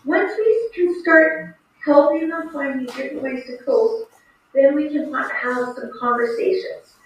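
A middle-aged woman with a high voice speaks to students from a small hospital room. The sound is very echoey and somewhat distant from the mic. She explains things in an encouraging, plain-spoken way, often putting rhetorical questions straight to her listeners. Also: a little slow, slight background noise. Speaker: online resource teacher speaking to students. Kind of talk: video call question-and-answer talk to teenagers.

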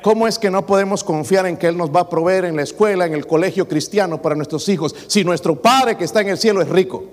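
A man's voice: high-pitched, quick pace, few pauses, a little mellow, big-room sound. A man preaching a sermon as pastor, asking the congregation rhetorical questions.

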